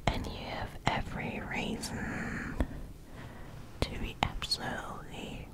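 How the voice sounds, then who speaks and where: A young woman delivers a whispered pep talk in ASMR style. Her voice is all breath, with no voiced tone, and extremely slow. She sounds reassuring and soothing, repeating small words, recorded very close on a desk microphone. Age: young adult. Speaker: ASMR host. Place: small indoor room. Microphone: close desk condenser mic with fluffy cover.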